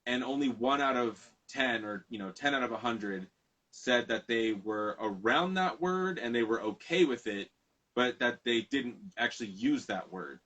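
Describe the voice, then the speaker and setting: A man's voice: medium pitch, animated, normal speed, fairly bright tone, muffled recording. Rambling man hosting a casual talk. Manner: rambling, self-correcting. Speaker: podcast host. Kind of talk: casual conversation.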